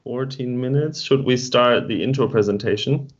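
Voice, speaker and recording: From home, a man co-hosts an online meetup stream, chatting casually and rambling while he reads and responds to the chat. His mid-range voice moves at a moderate pace, and the stream audio is dull and lo-fi.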